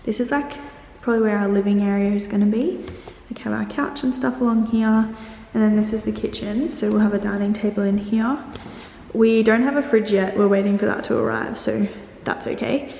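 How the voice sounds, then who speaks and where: A woman's voice: mid-range voice, fairly even intonation, fairly quick, gravelly, mellow. Young woman doing a chatty vlog house tour, voice really echoing off empty rooms, noisy background. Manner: chatty, informal, apologetic asides. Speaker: vlogger. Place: indoors, unfurnished house with hard echo.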